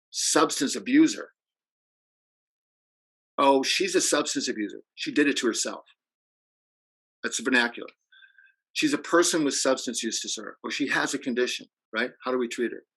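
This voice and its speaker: A man's voice: medium pitch, fairly bright tone, husky, low-quality recording. A middle-aged man giving a training over a video call, telling stories in a conversational way and asking the audience questions. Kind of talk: presentation.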